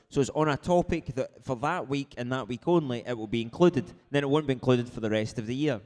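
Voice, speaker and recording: A man hosting a live quiz in a casual way, explaining things informally with frequent check-in tags. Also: mid-range voice. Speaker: quiz host.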